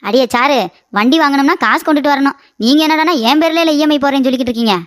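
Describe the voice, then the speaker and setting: A woman voicing a sharp-tongued older mother-in-law in an animated story, scolding in rapid bursts and grumbling about aching knees. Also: high voice, no echo, clean studio sound, lightly acted. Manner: rapid scolding, complains of knee pain.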